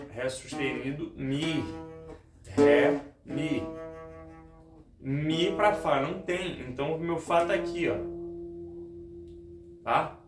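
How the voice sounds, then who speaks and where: Man teaching guitar theory. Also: fairly high pitch. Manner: explains step by step, repeats key points, addresses viewers directly. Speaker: music teacher. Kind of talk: guitar lesson. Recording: roomy, with guitar playing.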